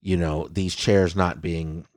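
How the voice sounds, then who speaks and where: A man hosting a comedy podcast speaks in a deep, steady, slightly mellow voice at a slow pace, rendered in clean, dry studio sound. He rants theatrically through casual comedic banter, peppering it with "okay?" and "I digress."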